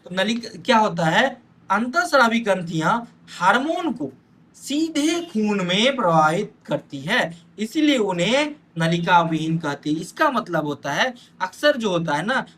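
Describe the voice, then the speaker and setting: A male teacher runs an exam-prep lesson in a bright, sharp voice. He talks straight to his students and checks in again and again with a quick "theek hai". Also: sits high. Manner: addresses students directly, pointing at notes.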